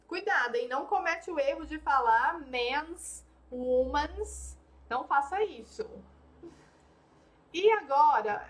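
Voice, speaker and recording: Woman, English teacher, high voice, slow and patient, repeats words. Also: a bit bright. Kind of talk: online language lesson.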